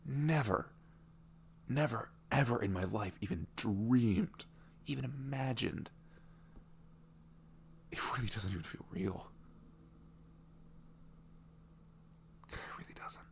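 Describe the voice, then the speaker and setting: Playing a smitten, vulnerable young neurodivergent boyfriend meeting his online love, a male ASMR roleplay performer sounds awed and delighted, with lively intonation. His low, creaky voice often fades toward a whisper as he muses haltingly, saying "you know" a lot and chuckling softly. A little hiss or hum is audible.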